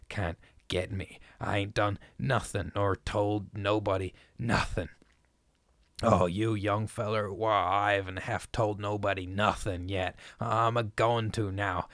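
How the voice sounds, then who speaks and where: Man putting on a half-mad old fisherman, shrill and ranting. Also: fairly bright tone, no room sound, clean studio sound.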